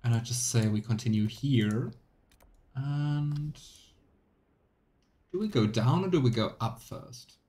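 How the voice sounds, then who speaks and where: Here a game streamer in his thirties talks slowly with long pauses, his mid-range voice warm as he reads game text and mutters brief thoughts. He's recording let's play commentary indoors in a small home room, with clear background noise and game sounds audible.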